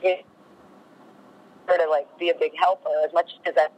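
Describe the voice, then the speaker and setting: A woman's voice: fairly low pitch, level tone, brisk, darkish tone, lo-fi sound. A woman head coach answering questions in a post-game interview, rambling and full of "you know" fillers.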